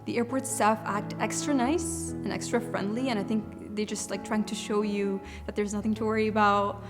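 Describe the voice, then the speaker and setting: A woman interviewee speaking softly and in a measured way. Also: mid-range voice, steady tone, in a large hall, over music.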